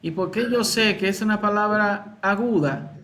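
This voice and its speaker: A male teacher with a Dominican accent, explaining exam answers to his students slowly, repeating key words and asking questions. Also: sits high, bright, forceful tone, a little hiss or hum. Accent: Dominican Spanish. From Dominican Republic.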